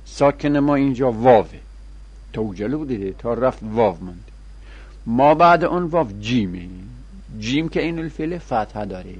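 A man's voice: mid-range voice, expressive, darkish tone, slightly rough, muffled recording. A man teaching a grammar lesson, reciting verb conjugations in a sing-song chant and explaining the rules.

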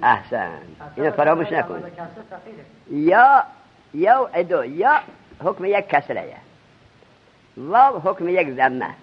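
A male religious teacher giving a seminary grammar lesson, quizzing his students with rapid questions. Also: fairly high pitch, wildly swooping pitch. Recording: dull lo-fi recording.

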